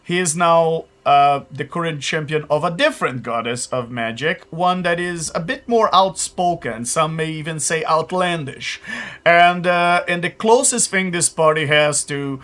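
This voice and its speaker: A man's voice: fairly high pitch, unhurried, fairly bright tone. A man hosting a live tabletop game, introducing players in a chatty, hesitant way with many fillers. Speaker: game master.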